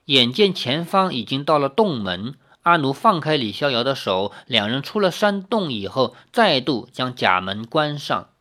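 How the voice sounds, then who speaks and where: A man's voice: medium pitch, sing-song, normal speed, few pauses, bright, forceful tone. A man reading a novel aloud as a storyteller, stopping to explain the plot in his own words. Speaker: audiobook reader.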